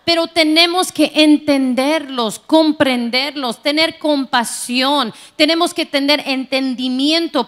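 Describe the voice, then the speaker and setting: A woman pastor preaching a sermon in an animated way, acting out everyday scenes. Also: sits high.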